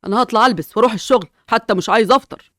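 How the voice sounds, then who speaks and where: A woman's voice: a little high, very fast, fairly bright tone, no echo, clean studio sound, natural voice. A woman voicing an irritable, dismissive middle-aged father, in an Egyptian accent. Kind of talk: Roblox family story acting.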